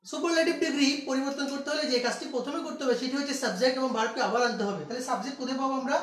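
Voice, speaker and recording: A man's voice: very high-pitched, rapid-fire, a bit bright. A man teaching an English grammar lesson, repeating key steps and asking his students questions. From Bangladesh. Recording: echoey room, distant mic.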